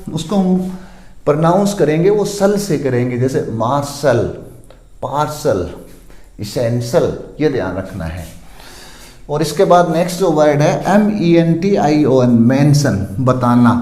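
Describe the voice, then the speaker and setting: A man teaching an English pronunciation lesson in Hindi, explaining word by word with slow, repetitive reminders. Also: on the high side, warm tone, roomy sound.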